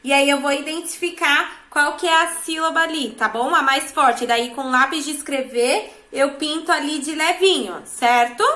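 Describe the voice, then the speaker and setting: A schoolteacher with a Brazilian Portuguese accent talks her pupils through an exercise step by step, pausing often to check they understand. Her voice sits high and sounds clear and bright. It carries the hollow ring of a classroom. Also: roomy sound. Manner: patient, checks understanding with frequent tag questions. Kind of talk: classroom instruction.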